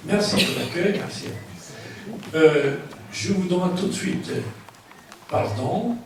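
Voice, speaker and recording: Slow-speaking older man, foreign-accented French, echoey hall. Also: sits high, animated. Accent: foreign, non-native French. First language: not French. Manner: halting, searching for words. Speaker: guest speaker, book author. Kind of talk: public lecture. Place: large echoing room at a public conference. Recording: very echoey hall, distant mic, faint noise.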